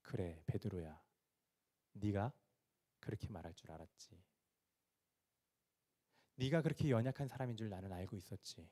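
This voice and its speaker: A gentle teacher speaks low and quietly, full of tenderness, as a preacher puts him on. His words are soft and unhurried. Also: lively intonation. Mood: tender.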